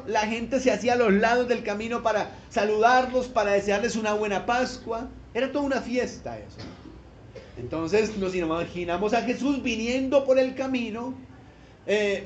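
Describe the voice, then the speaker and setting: A male pastor preaching a sermon, telling a story and acting out the voices, sometimes rising to shouted cries. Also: very high-pitched, echoey room, lo-fi sound, slight background noise.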